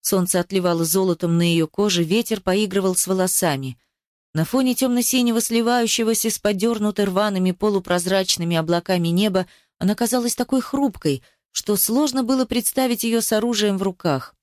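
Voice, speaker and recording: A woman reading a first-person audiobook in a steady, expressive storytelling manner. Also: mid-range voice, fairly quick, no echo, clean studio sound. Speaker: audiobook reader.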